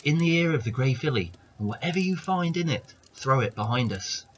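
A man's voice: mid-range voice, lively intonation, a little fast, a little hiss or hum, pitched above the performer's own voice, natural voice. A man voicing a clever young woman in a folk tale, urgent and commanding.

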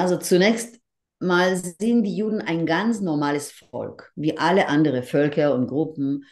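An older Israeli woman with a Hebrew background answers interview questions earnestly over a laptop video call from her living room. Her low voice is soft and mellow, and she explains carefully and measuredly, often hesitating and restarting.

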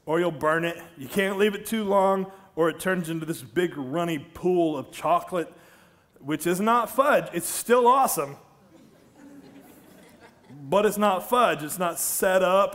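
A middle-aged man preaching a sermon on a large church stage, telling stories and joking with the congregation. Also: high-pitched. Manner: storytelling, animated, jokes with the congregation. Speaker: pastor.

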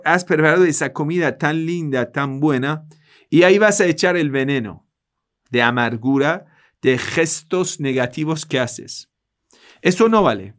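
Man, Persian accent, religious lecture, earnest, speaks straight to listeners, slightly high voice. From Iran. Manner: earnest, preaching, addresses listeners directly. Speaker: Islamic teacher.

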